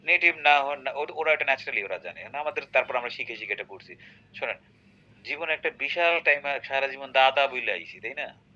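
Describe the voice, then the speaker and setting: Bright-voiced quizzing teacher. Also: male voice, mid-range voice, lively intonation, fairly quick. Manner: quizzes the student often with short tag questions. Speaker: English teacher. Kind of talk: classroom grammar lesson. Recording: dull lo-fi recording.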